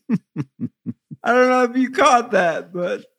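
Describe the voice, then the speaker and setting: A man hosting a podcast in casual comedic chat, halting and jokey, with effortful, slightly slurred articulation. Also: very high-pitched, lively intonation, creaky, a bit bright. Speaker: podcast host.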